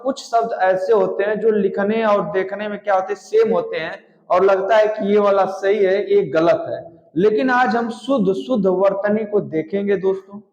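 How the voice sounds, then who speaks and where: A man's voice: high voice, a little mellow. A man teaching an exam-prep grammar lesson in an explanatory way, often calling the students his friends. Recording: echoey room, dull lo-fi sound.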